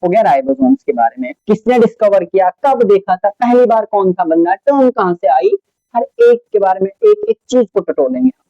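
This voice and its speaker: A man's voice: sits high, animated, normal speed, no room sound, highs cut off. A man giving a biology lecture at a board, asking his students questions and answering them himself, mixing English terms into his explanation. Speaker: biology teacher. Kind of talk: classroom lecture at a whiteboard.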